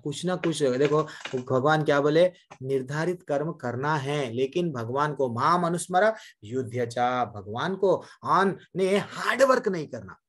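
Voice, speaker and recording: A man with a somewhat raised pitch delivers a devotional sermon to a class. He speaks to his listeners directly as mothers and brothers and asks them rhetorical questions. He mixes English words into his Hindi as he goes.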